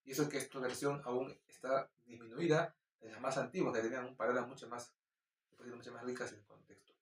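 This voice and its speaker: Man, Peruvian Spanish accent, halting Bible reading, roomy echo, distant mic. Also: medium pitch, steady tone. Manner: slow, halting reading with restarts. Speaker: Bible teacher. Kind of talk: informal Bible reading and commentary.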